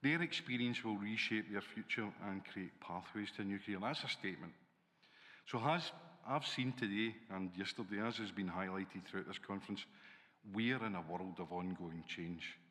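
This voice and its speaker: A man's voice: lowish voice, moderate pace, fairly bright tone. A middle-aged man with a Glaswegian accent, speaking as an educator on a conference panel. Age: 40s or 50s. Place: large hall on a conference stage. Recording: reverberant conference hall.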